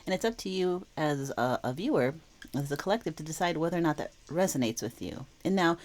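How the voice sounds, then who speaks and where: Low-pitched with a darkish tone, a woman who is feeling unwell hosts her channel and reads tarot for viewers. Her voice is slightly wheezy, broken by throat clearing, and her manner is casual, explanatory, reflective and reassuring.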